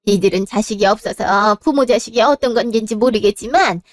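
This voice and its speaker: A woman's voice: mid-range voice, a little fast, no room sound, clean studio sound, soft background music, close to an everyday voice. A woman voicing a domineering older mother who scolds her children and favors her eldest son, in a dramatized story. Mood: scolding. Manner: scolding, indignant.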